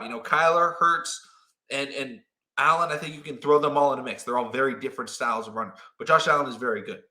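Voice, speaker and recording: Brief: young male sports host, animated, quotes players in quick asides, bright tone. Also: medium pitch. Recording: roomy echo.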